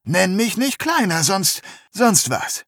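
A touchy, defiant young man who snaps back at his bossy companion, voiced higher than the reader's own tone by a male audiobook narrator. His husky voice sounds dry and close. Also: big pitch swings, normal speed, no room sound. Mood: sulky. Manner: sulky, snappish.

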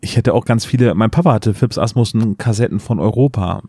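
Low-voiced man asking questions. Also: fairly quick, breathy edge. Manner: relaxed, asks questions and tosses in remarks. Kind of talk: casual chat.

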